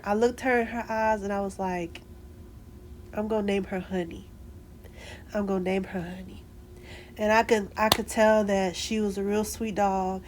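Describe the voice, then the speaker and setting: A woman vlogger telling a personal story in a chatty way, acting out what people said. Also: fairly high pitch. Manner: animated, acts out quoted dialogue; chatty with frequent fillers and restarts.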